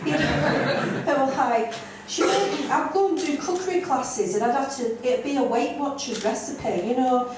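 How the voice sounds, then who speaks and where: A woman's voice: high voice, normal speed. Older northern woman doing stand-up, distant and echoey. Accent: Lancashire. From North West England. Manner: blunt, self-mocking, broad northern delivery. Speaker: stand-up comedian. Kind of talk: stand-up set. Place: comedy club stage. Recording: roomy and distant with audience noise.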